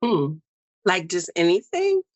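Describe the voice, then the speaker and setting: An American woman as an interview guest, speaking in a reflective, unhurried way with many pauses and fillers over a video call. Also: fairly low pitch, big pitch swings, a little mellow, dry recording, muffled recording. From United States. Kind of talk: personal story interview.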